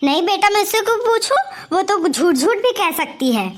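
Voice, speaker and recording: A woman's voice: very high voice, expressive, normal speed, slight background noise, pitched above the performer's own voice. A woman with an Awadhi-tinged Hindi accent voicing a doting, gullible mother in a cartoon comedy, fussy and nagging. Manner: fussy and nagging, keeps asking "theek hai?". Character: doting, gullible middle-aged mother with favoritism.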